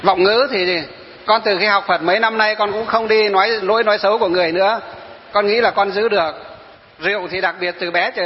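A man's voice: high voice, slight background noise. A man, a Buddhist monk, giving a dharma talk, telling stories of his followers and asking rhetorical questions. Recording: dull lo-fi hall recording.

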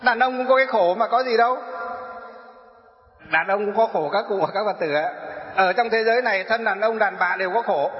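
High-voiced monk preaching in an echoey hall. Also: male voice, fairly quick, long pauses. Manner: asks the crowd questions and answers them himself. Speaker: Buddhist monk. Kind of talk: dharma talk to elderly lay followers. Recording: echoey hall, dull sound.

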